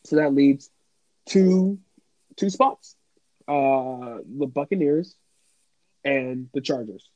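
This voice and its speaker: A man co-hosting a podcast, chatting casually and in an animated way about football, with quick asides. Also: medium pitch, no room sound, muffled recording. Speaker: podcast co-host. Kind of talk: casual sports podcast chat.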